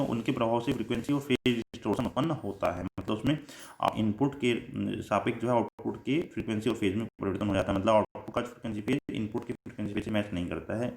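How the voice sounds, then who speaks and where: Speaking fast in a low-ish voice, a man with an Indian accent explains electronics in a lecture, reading out definitions before rephrasing them. He goes step by step, repeats points, and uses English technical terms, with echoey room sound.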